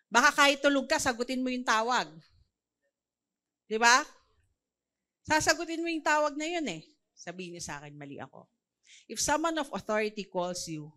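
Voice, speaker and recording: A woman's voice: medium pitch, pushed and bright. A woman with a Filipino accent preaching a Bible sermon, mixing Tagalog and English and pressing her points with rhetorical questions.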